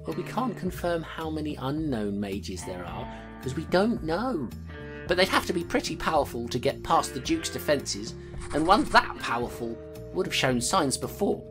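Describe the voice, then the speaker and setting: In an audio drama with music playing behind, a woman with a low, very animated voice speaks at a moderate pace. She plays a blunt, wry young constable who narrates her case and gives guarded answers in dialogue.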